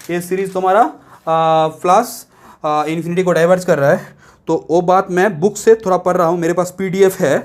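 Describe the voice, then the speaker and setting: High-voiced man teaching math. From India. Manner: explains step by step, checks understanding with repeated questions; reads English text from a book very slowly and word by word. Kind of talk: classroom lecture.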